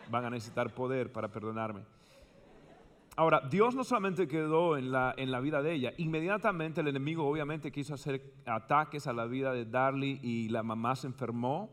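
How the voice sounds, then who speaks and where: A man, a pastor interviewing a church guest, who breaks into loud exuberant praise and then talks on. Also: mid-range voice. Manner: exuberant, exclaims praise loudly.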